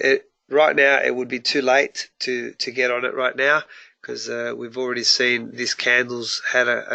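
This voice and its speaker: A man's voice: medium pitch, vocal fry, bright, forceful tone, no room sound. A congested man hosting a live trading webinar, talking informally and restarting sentences as he goes. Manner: informal, restarts mid-sentence, addresses viewers as guys. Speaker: forex trading analyst hosting a weekly webinar. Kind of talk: live webinar market walkthrough.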